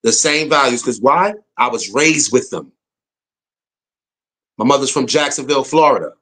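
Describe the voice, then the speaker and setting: A man's voice: medium pitch, lively intonation, moderate pace, a bit bright. Man, American accent, casual opinion rant, blunt, repetitive, emphatic. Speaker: political commentator.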